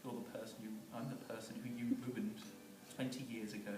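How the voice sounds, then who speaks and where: A man voicing a scheming villainous cat lady, speaking low and menacing, in an echoey room far from the mic. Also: little pitch movement, fairly quick, close to an everyday voice.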